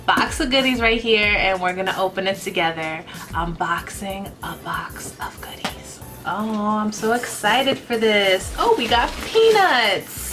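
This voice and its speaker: A woman vlogger doing a casual unboxing, gushing and excitable about everything she opens. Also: medium pitch. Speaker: vlogger reviewing products.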